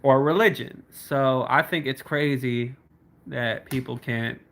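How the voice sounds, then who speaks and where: A man in his late twenties hosts a casual livestream, reading comments, greeting viewers by name and laughing often in a laid-back way. His voice is medium-pitched, a bit bright and unhurried. Slight background noise can be heard.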